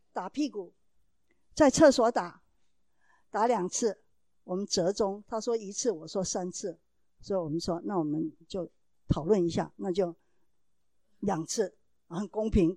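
A woman's voice: medium pitch, measured pace, long pauses, a little mellow, no echo. A mother giving a talk to parents, telling a family story in an earnest, explaining way and acting out the dialogue in changing voices.

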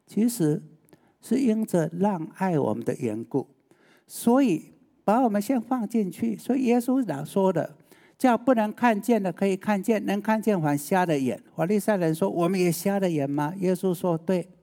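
A man's voice: high voice, animated, moderate pace, vocal fry, warm tone. A male preacher, giving a sermon and often putting rhetorical questions to the listeners.

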